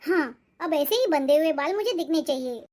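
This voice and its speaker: Strict bossy mother-in-law, sharp scolding, very high voice, cartoon. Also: expressive, normal speed, soft background music. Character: strict controlling middle-aged mother-in-law. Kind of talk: cartoon voice acting.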